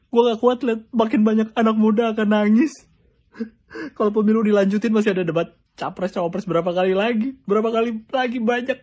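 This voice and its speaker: Sarcastic young man, high voice. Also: darkish tone. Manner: mock-sympathetic, sarcastic. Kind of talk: casual commentary vlog.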